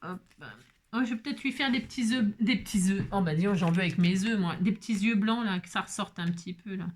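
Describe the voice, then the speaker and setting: A woman's voice: medium pitch, quick pace. A woman hosting a casual crafting tutorial, chatty and self-mocking, repeating herself and talking straight to her viewers. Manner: chatty and self-mocking, jokes and laughs often; repeats words, talks directly to viewers. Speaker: craft channel host.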